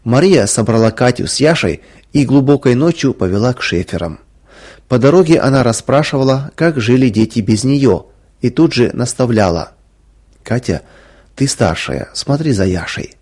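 Male narrator, husky, calm and earnest, mid-pitched storybook reading. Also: normal speed.

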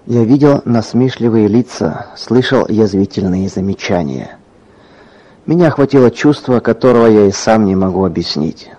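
A man narrating a scripted story in an earnest, dramatic way, sometimes dropping to a hush. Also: fairly low pitch, expressive, moderate pace. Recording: dull lo-fi recording.

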